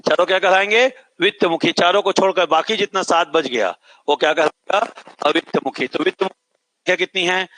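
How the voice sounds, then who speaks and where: Bright high-voiced male teacher, quizzing. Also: a little fast. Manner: repeats each point and asks the class to echo it back; stretches out vowels to show their length. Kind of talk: classroom lecture.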